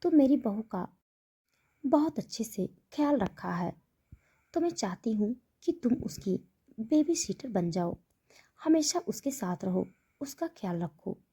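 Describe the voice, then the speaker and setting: A woman's voice: a little high, animated, unhurried, dark tone, slightly rough, full character voice. A woman voicing a stern, domineering wealthy mother who speaks in a firm, commanding way.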